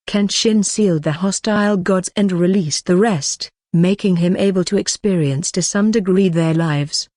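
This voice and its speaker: A woman narrates a fan-fiction audiobook in a steady, uninflected read that gives every character the same voice. Her voice sits low for a woman. The recording is dry and close, with no room sound. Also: no echo.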